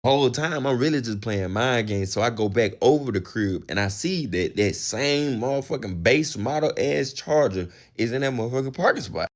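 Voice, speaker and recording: A young man telling a casual, profane dating story in slangy, animated speech. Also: mid-range voice, normal speed, hardly any pauses.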